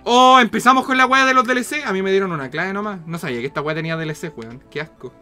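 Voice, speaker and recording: Chilean male game streamer: sharp, fairly high voice, sweary casual commentary, faint music behind. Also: quick pace. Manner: foul-mouthed, slangy, excitable. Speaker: live streamer playing a video game.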